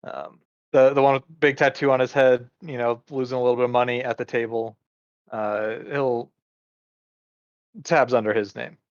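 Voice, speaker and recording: A man's voice: medium pitch, little pitch movement, normal speed, pauses often, no echo, highs cut off. A man playing a character in a tabletop game, describing his actions in a casual, rambling way. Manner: casual, rambling with many fillers. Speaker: player.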